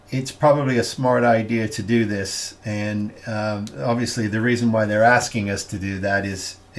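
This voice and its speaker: A man talking through a scale model build step by step, halting and thinking aloud with plenty of fillers as he works. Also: lowish voice. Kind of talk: hobby build tutorial.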